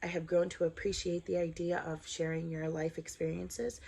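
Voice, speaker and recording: Earnest woman in her twenties, low voice. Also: flat delivery, moderate pace, creaky, warm tone, breathy edge. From Southern California. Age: 20s. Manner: earnest, upbeat. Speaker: vlogger. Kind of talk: scripted vlog introduction.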